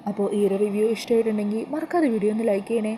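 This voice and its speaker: A woman rattles through a serial episode recap in a brisk, chatty way. Her voice is dark and mellow and she talks very fast. Faint noise runs underneath. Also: medium pitch, low-quality recording. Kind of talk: casual storytelling recap of a TV serial.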